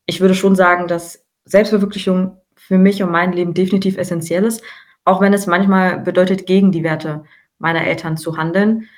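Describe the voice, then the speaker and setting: A woman in her twenties co-hosting a podcast, talking in a relaxed, reflective way and explaining ideas at length. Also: fairly low pitch, brisk. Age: 20s. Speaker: podcast co-host. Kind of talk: casual podcast conversation.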